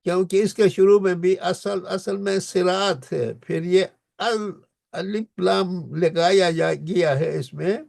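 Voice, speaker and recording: A man gives a lecture on reciting scripture, pausing to chant verses in long, slowly stretched syllables. His voice sits high and carries a gravelly edge. The sound is dry and close. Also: steady tone, darkish tone, no room sound. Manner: slowly drawn-out recitation of verses between explanations. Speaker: teacher. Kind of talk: Quran recitation lesson.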